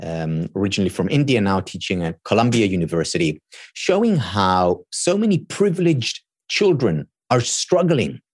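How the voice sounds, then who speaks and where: Here the Hebrew-native guest expert is very animated, his fairly low voice carrying a breathy edge at a moderate pace. He gives earnest, thoughtful interview explanations and often repeats words as he works through ideas. No room sound is present.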